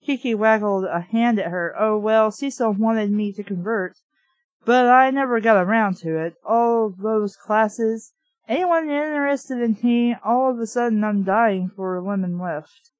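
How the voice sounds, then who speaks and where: Reading from a novel, this woman pauses to offer candid, casual commentary in the manner of an amateur reviewer, swearing mildly along the way. Her voice sits on the high side, and the rough recording carries no echo.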